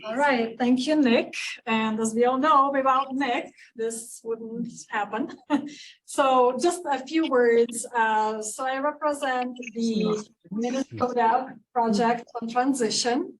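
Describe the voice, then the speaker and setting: Woman speaking from afar, slightly high. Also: slow pace. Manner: hesitant, many fillers. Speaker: project researcher presenting. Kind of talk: event presentation speech. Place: event room. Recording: distant mic with faint room noise.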